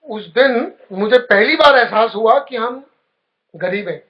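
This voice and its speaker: A man giving a motivational speech, telling a personal story with feeling and dropping soft at the tender parts. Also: measured pace. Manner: storytelling, emotional, drops low and soft at touching moments. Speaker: motivational speaker. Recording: dull lo-fi recording.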